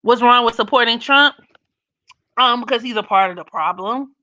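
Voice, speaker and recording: A young woman with a naturally raspy voice chats loosely with live stream viewers while reading comments, blunt, profane and often laughing. Her bright, forceful voice sits on the high side at a moderate pace, and the dry, slightly dull audio has no room sound, like a lo-fi home stream.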